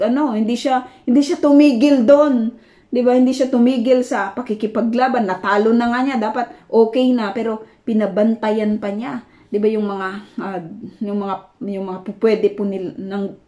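A woman's voice: a little high, dark tone. A woman from the Philippines giving a conversational Bible study talk, full of fillers and tag questions and mixing in English words. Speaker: Bible teacher.

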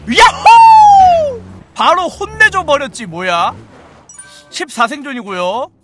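A young man streaming a shooter game, commenting excitedly, exclaiming often and imitating gunfire sounds out loud. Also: extremely high pitch, a little fast, over loud music. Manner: playful, mimics gunfire sounds, frequent exclamations.

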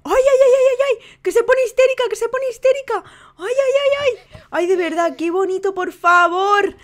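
A young woman speaking talks her audience through her game. She gushes and exclaims at every little detail, in a bright, high-pitched voice. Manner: excitable, gushing exclamations. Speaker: gaming youtuber. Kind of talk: casual gameplay commentary.

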